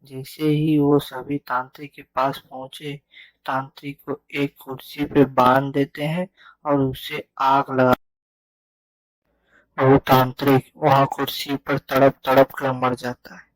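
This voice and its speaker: A man's voice: medium pitch, little pitch movement, slow pace, dry recording, rough recording. A man narrating a village ghost story as a storyteller.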